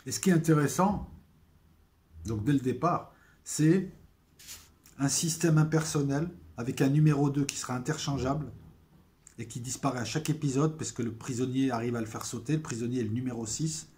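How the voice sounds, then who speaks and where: A man in a middle pitch talks straight to his audience in a loose, unscripted monologue. He stops and restarts often, filling gaps with hesitations. On the points he wants to land, his voice swells louder. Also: brisk. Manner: hesitant, many fillers and restarts; emphatic, swelling loudness on key points. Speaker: video essayist. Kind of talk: casual spoken monologue to viewers.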